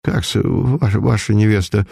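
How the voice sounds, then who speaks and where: A man's voice: fairly low pitch, moderate pace, gravelly, warm tone, breathy edge, no echo, studio quality, heavily acted. A man playing a trembling old village priest. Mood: trembling confusion. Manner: trembling, stammering, deferential. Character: elderly male priest, frightened and trembling.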